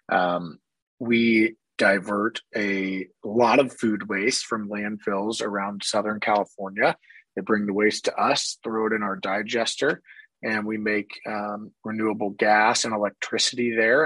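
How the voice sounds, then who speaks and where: Hoarse man, podcast host, slightly low voice, dry close sound, friendly with lots of fillers. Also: a bit bright, dry recording, low-quality recording. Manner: friendly, upbeat, uses many fillers. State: hoarse from a cold. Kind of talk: casual interview chat. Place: office.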